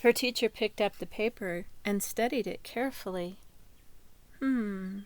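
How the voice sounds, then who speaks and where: A woman reading a children's picture book aloud as a storyteller, in a deliberate manner. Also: medium pitch, a little hiss or hum. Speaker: storybook reader.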